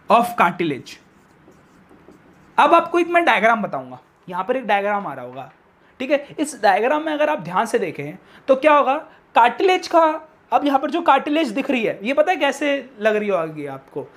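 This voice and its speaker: A male science teacher gives a classroom biology lecture. He mixes in English technical terms, asks questions and answers them himself, and repeats key terms slowly for emphasis. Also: very high voice.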